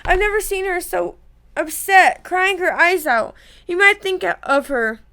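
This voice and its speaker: A pompous teenage boy prefect, read by a woman with a bright voice. He scolds in a stern tone in a storybook reading. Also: extremely high pitch, animated, a little slow, pitched above the performer's own voice, heavily acted. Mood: scolding.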